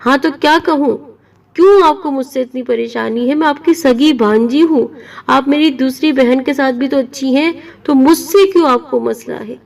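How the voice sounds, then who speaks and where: A woman's voice: sits high, creaky, recorded from a distance, pitched above the performer's own voice. A woman voicing a young student niece who pleads earnestly and defends herself. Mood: upset.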